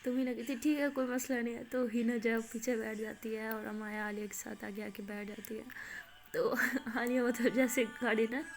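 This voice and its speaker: A woman's voice: a little high, flat delivery, normal speed. A woman telling a love story in a casual, chatty spoken way. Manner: chatty, laughs often.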